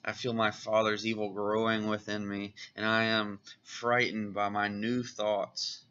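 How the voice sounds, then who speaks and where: A man reading aloud as a frightened young heroine struggling with her inner darkness, in a slow, earnest and intense way, on a dull lo-fi recording. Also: on the low side, level tone, bright, forceful tone, a little hiss or hum. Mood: anguished. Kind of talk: reading comic dialogue aloud.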